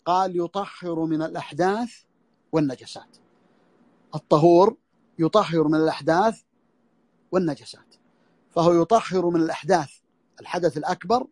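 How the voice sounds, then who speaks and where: A man's voice: high voice, a little mellow, dry recording. A man teaching a classical Islamic law text in a recorded audio lesson, repeating phrases and restarting as he explains. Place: audio lesson over a social media voice room.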